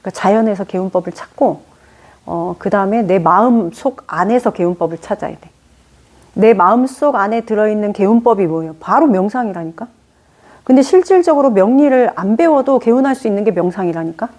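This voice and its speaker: A woman teaching a class on fortune-telling in an informal lecture, telling lively stories with acted-out quotes and asking her students questions. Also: medium pitch, fairly quick. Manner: chatty, poses questions to the class. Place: lecture room.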